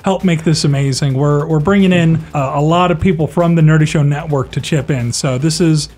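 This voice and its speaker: An upbeat, excited man co-hosting a podcast in casual conversation. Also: a little high, fairly quick, soft background music. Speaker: podcast co-host.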